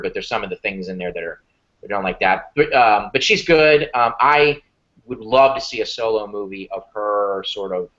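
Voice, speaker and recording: A man co-hosting a podcast, giving a measured, hesitant opinion on a movie with many pauses and ums. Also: on the low side, a bit bright, lo-fi sound. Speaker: podcast co-host. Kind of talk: casual movie review chat.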